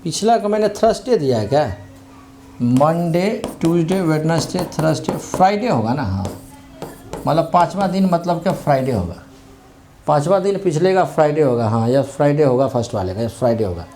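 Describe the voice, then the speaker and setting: A man's voice: fairly high pitch, very animated, normal speed, warm tone, a little hiss or hum. A man teaching an online exam-prep lesson in a chatty, conversational way, mixing English words into his Hindi and repeating tag phrases.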